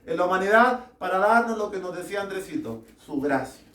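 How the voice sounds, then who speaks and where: A man preaching a sermon to a small congregation, slow and deliberate, putting rhetorical questions to his listeners. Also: sits high, expressive, sharp tone. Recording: echoey room, mic far off.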